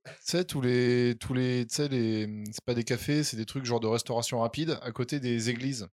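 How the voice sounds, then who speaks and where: A man's voice: medium pitch, steady tone, moderate pace, darkish tone. A man in casual chat, cutting in with jokes and short replies. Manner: joking interjections, short backchannels. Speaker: co-host in a podcast chat.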